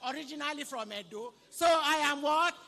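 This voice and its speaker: Over the echoey public address of a large event hall, a Nigerian master of ceremonies runs a fundraising book launch live. His voice is very high, sharp and creaky, and he moves briskly, playfully repeating himself and shouting out to guests.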